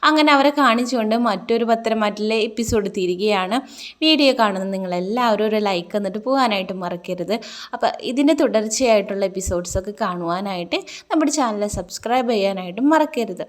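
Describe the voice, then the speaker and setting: Woman recap narrator: rapid-fire, mid-range voice, casually retells a serial episode with quoted dialogue. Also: medium pitch. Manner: rapid storytelling that quotes characters' lines.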